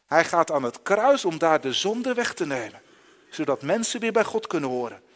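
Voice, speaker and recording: A man's voice: a little high, sing-song, normal speed, fairly bright tone, in a large hall. A man preaching a children's sermon in a church, often asking the listeners direct questions.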